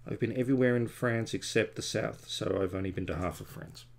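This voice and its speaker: Sitting at the drawing desk in his home studio, a comic artist in his forties talks loosely and self-deprecatingly with viewers of his stream. He speaks on the low side, fairly quickly, with vocal fry.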